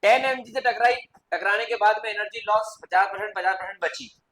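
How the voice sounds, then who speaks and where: A man teaching physics in a classroom, quizzing students with quick repeated questions and mixing English terms into his explanations. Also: sits high, sharp tone, low-quality recording. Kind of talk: classroom lecture.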